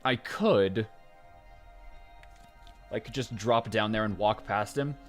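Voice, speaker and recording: A man casually commenting on his gameplay in a rambling way, full of fillers and self-interruptions, jumping up in pitch when excited. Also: slow pace, soft background music. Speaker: let's play gamer.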